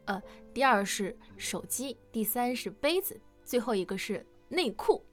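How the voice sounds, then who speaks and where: A woman leads a casual fan quiz, asking the questions in a chatty, conversational way. Her voice is fairly high and expressive, her pace measured, and music plays behind her.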